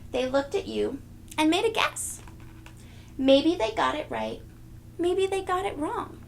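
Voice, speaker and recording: As a read-aloud host, a woman reads a storybook to young children, speaking directly to them. Her high voice has a creaky edge, and she is expressive and gentle, taking her time. Faint noise sits in the background.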